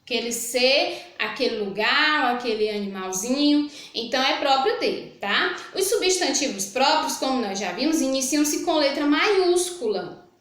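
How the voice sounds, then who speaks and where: A middle-aged Brazilian woman with a fairly high voice leads a lesson for young children, patient and repetitive, checking in after each point. Her voice rings through a very echoey room with a whiteboard. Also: animated, a little slow, fairly bright tone. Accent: Brazilian Portuguese. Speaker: primary school teacher. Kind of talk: recorded remote lesson.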